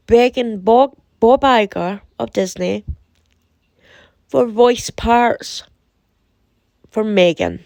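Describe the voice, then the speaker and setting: Woman from the UK, sore throat, creaky voice in a dry recording; opinionated, emphatic casual commentary. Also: medium pitch, darkish tone, dry recording. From United Kingdom. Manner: deliberate, emphatic, repeating phrases for effect. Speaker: commentator reading and reacting to a website.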